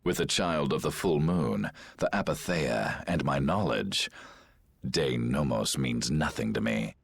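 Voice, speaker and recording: A man's voice: very deep voice, a little slow, vocal fry, dry recording, exaggerated voice. A man voicing a scheming, grandiose aristocratic villain in a video game, speaking in a pompous, mocking way. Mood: gloating. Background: game soundtrack.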